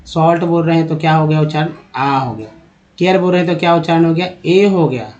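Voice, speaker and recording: A man's voice: fairly high pitch, a little mellow, muffled recording. Man teaching English word by word. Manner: repeats each word slowly and spells it out; addresses viewers as friends. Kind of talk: spoken English lesson.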